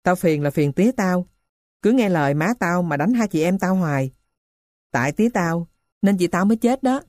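A woman's voice: lowish voice, lively intonation, moderate pace, a little mellow, no room sound, studio quality, close to an everyday voice. A woman voicing a poor runaway boy grieving his dead sister, in an earnest, confiding way. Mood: sorrowful.

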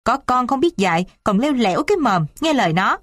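A woman voicing a bad-tempered middle-aged father who shouts and scolds his family. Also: very high-pitched, big pitch swings, fairly quick, dry recording, clean studio sound, full character voice. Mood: angry shouting.

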